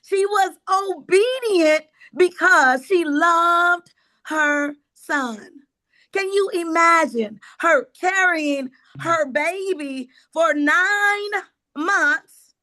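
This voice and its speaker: A woman's voice: very high voice, extremely slow, sharp tone. A middle-aged woman pastor preaching a sermon, retelling the story dramatically and repeating key phrases.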